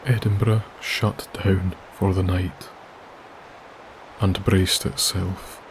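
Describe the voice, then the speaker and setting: A steady hiss and wilderness ambience surround a man narrating a sleep story. He speaks softly and very slowly in a low, nearly level voice, pausing at length between phrases.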